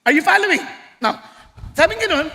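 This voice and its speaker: A Filipino-accented male pastor preaching in a high, bright voice that carries through a long-echoing hall. He moves between Tagalog and English and keeps things light with jokes for the congregation. His tone is lively and direct. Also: normal speed. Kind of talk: sermon.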